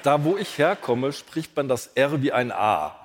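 A man from Lower Saxony co-hosting a live podcast on stage, dry and playful as he runs the show. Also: sing-song, a little slow. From Lower Saxony, Germany. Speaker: podcast co-host. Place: large concert hall before an audience. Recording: hall reverb with faint noise.

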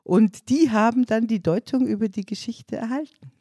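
An older woman co-hosting a podcast, explaining and interpreting a story in calm conversation. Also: on the high side, normal speed, no room sound, studio quality. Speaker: podcast co-host. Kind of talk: conversational commentary.

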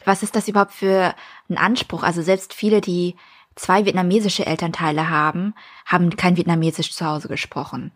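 Woman, podcast co-host, lowish pitch, colloquial, emphatic. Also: steady tone, a little fast. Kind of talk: casual conversation.

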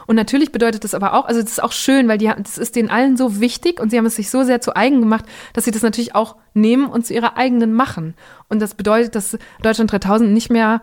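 A young woman in her twenties with a fairly high voice chats as a podcast guest. She talks in long, winding sentences, loops back on herself and fills the gaps with little hesitations. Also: steady tone, rapid-fire, a little mellow. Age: 20s. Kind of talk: casual conversation.

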